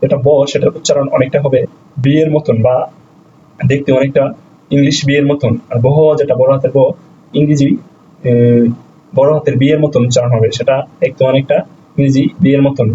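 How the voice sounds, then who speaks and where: A man teaching a beginner's language lesson step by step, slowly spelling out letters and repeating each sound several times. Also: mid-range voice, level tone, mellow, highs cut off, a little hiss or hum.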